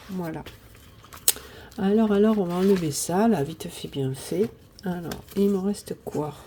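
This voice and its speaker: A woman's voice: mid-range voice, warm tone, slight background noise. Chatty woman in her fifties. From southern France. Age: 50s. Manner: chatty, hesitant, many fillers; repeats "voilà, voilà". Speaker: budgeting vlogger. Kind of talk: casual chat to viewers.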